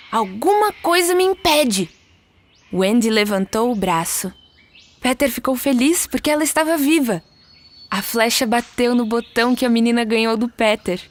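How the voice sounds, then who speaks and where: A woman with a Brazilian Portuguese accent reading a children's storybook aloud in a clear, expressive narrating voice. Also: mid-range voice. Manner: clear, expressive storytelling, lifts her voice for characters' lines. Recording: soft music behind.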